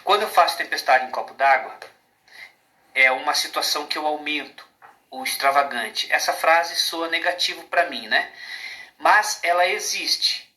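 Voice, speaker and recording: Brazilian man, fairly high voice, rambling spiritual talk with rhetorical questions, echoey room. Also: moderate pace, pushed and bright. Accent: Brazilian Portuguese. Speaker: spiritual speaker. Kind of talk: informal spiritual monologue. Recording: roomy echo.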